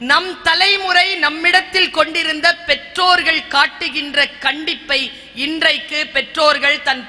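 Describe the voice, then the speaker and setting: Woman, 40s, church sermon, emphatic short phrases, sharp forceful voice, long hall reverb. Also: high voice. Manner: emphatic, lists points in short punchy phrases. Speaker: guest speaker and teacher.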